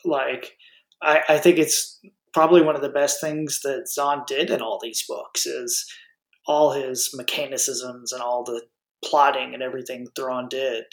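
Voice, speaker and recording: A mid-pitched voice talks enthusiastically and reflectively about a book in a casual podcast chat. The recording carries a noticeable room echo. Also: flat delivery, unhurried. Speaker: podcast co-host.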